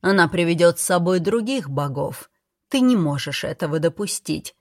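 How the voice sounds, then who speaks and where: Brief: a grave, commanding old father-king in a storybook, read by a woman in her lowish voice. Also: lively intonation, normal speed, dry recording, studio quality. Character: stern old king warning his son. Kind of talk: audiobook reading.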